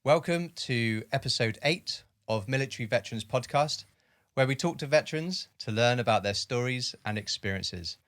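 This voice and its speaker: A man's voice: mid-range voice, animated, moderate pace, a bit bright, soft background music. A man hosting a podcast, talking in a friendly, chatty way with lots of fillers. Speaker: podcast host. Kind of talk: casual podcast chat.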